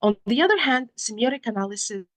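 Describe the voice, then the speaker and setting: A woman with a Moroccan accent presenting research at an academic conference in a halting, often self-correcting way. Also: fairly high pitch, animated. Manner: hesitant, halting delivery with frequent self-corrections.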